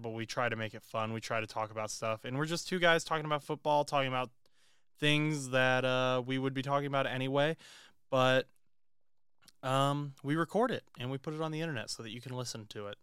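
Brief: young male podcast co-host, very smooth and clear voice, casual joking delivery, dry close sound. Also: medium pitch, dry recording. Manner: joking, chatty, relaxed. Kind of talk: casual chat.

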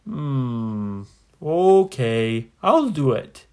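A woman's voice: extremely low pitch, big pitch swings, extremely slow, warm tone, exaggerated voice. A woman voicing a self-pitying, greedy male sea captain who whines and wails in a children's story. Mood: grudging. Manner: wailing, whining.

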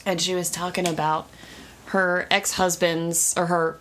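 A woman co-hosting a casual podcast, telling stories in an animated, chatty way. She keeps the talk loose and conversational. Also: fairly low pitch, unhurried, slight background noise. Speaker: podcast co-host. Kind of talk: casual chat.

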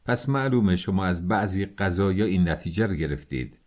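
Man voicing a cold accusing gentleman, low voice, calm, measured, lecturing.

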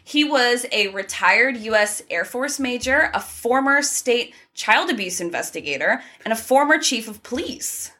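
This true crime podcast co-host has a fairly high, bright, forceful voice that is animated and unhurried, with hardly any pauses. She reads through the case facts conversationally, tossing in small asides and laughs.

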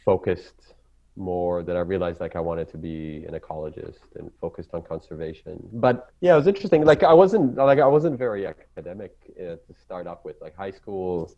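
An Israeli ecologist whose first language is Hebrew speaks English with an Israeli accent as a casual interview guest, halting and searching for words with many fillers and restarts. His voice sits low and sounds animated and mellow, and the audio is dull.

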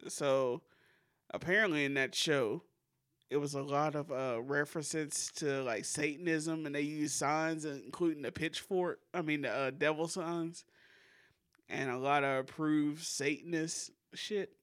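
Man, podcast co-host, bright slightly high voice, dry close sound, laughs a lot, casual chat. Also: fairly even intonation, measured pace, smooth, dry recording. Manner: laughing, loose storytelling.

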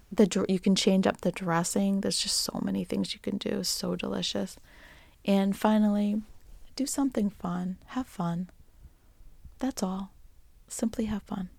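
A woman's voice: mid-range voice, gravelly, mellow, no echo. A woman with a Boston accent hosting a solo podcast, talking in an encouraging, chatty way and often restarting her sentences. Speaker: podcast host. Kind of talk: casual solo podcast talk.

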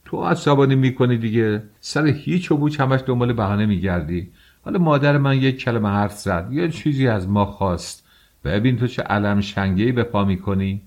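A man's voice: mid-range voice, darkish tone, voice pushed up, natural voice. A man reading an audiobook, voicing an irritable young husband who scolds brusquely. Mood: irritated.

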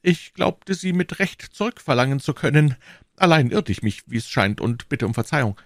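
A man's voice: lively intonation, normal speed, no echo, studio quality, lightly acted. Bonacieux, a man doing a trembling shopkeeper. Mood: anxious, pleading. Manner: trembling, pleading, high-pitched. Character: timid frightened middle-aged male shopkeeper under interrogation. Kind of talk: audiobook reading.

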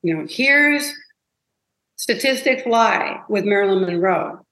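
A woman guest telling stories in an interview, animated and emotional, with many restarts. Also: mid-range voice, slow. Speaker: guest, advertising copywriter. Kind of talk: interview storytelling. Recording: roomy echo.

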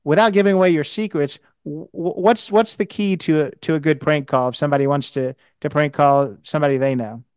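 A man's voice: fairly high pitch, a little fast, hardly any pauses, darkish tone, clear, resonant tone, no echo. A man hosting a podcast interview, talking casually with many restarts and fillers. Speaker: podcast host.

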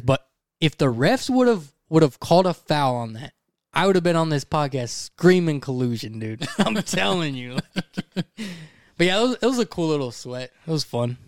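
Young male podcast co-host, slightly high voice, animated storyteller, salty language, dry close sound. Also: no echo. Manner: animated, swears freely, acts out voices in his story.

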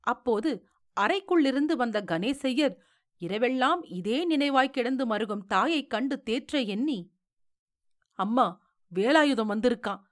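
A woman reads a literary story aloud in a high voice. Her narration is measured and expressive.

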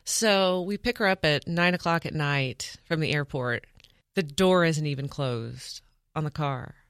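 A woman's voice: sits low, unhurried, a bit bright, clear, resonant tone, no room sound, studio quality. A woman, an interview guest, telling a personal story in an earnest, matter-of-fact way.

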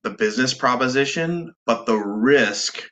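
A man's voice: medium pitch, animated, measured pace, a bit bright. A man co-hosting a podcast, explaining things casually and often rephrasing as he goes. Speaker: podcast co-host.

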